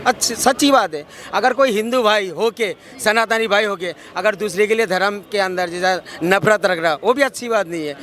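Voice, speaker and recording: A man's voice: sits high, moderate pace, hardly any pauses, fairly bright tone. A man arguing insistently in a street interview, cutting in to be heard. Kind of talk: heated street debate. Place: outdoors on a city street. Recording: street crowd behind. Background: crowd of bystanders.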